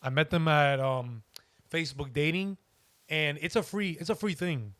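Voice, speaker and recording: A man's voice: on the high side, moderate pace, fairly bright tone, no room sound. Young man chatting easygoing on a podcast. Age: young adult. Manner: easygoing, rambling, hesitant. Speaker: guest. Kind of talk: casual interview.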